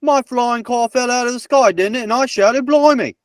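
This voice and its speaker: A man's voice: extremely high pitch, moderate pace, dry recording, clean studio sound, pitched above the performer's own voice. A man putting on an over-the-top fake British accent to act out a silly bloke in a comedy game show. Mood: hammy. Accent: put-on British. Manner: hammy, sing-song clue readings.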